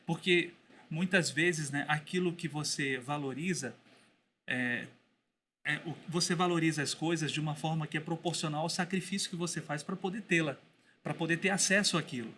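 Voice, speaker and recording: A man speaking as a podcast guest and teacher, telling a story in a thoughtful way with pauses and restarts. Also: fairly high pitch, bright, forceful tone, a little hiss or hum. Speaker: guest, Bible school teacher. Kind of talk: casual podcast conversation.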